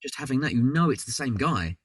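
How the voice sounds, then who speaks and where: A man's voice: mid-range voice, expressive, fast talker, a bit bright, breathy edge, dry recording, distant mic. A man from London with a London accent, a voice actor chatting in an interview with lots of fillers and asides. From London, England. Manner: rambling, chatty, self-deprecating with many fillers. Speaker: voice actor guest. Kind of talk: casual interview chat. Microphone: video call.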